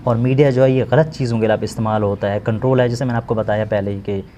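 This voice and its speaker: A man teaching an English lesson, slowly translating word by word and repeating each meaning with synonyms. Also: lowish voice, steady tone, warm tone, slight background noise. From Pakistan. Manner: slow, explanatory, repeats words and gives synonyms.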